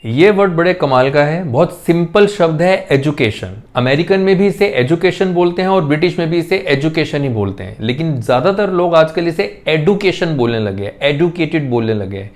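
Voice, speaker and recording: Man, online pronunciation lesson, Hindi mixed with English, slightly high pitch, slow repeated model words. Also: expressive. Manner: says model words slowly and repeats them.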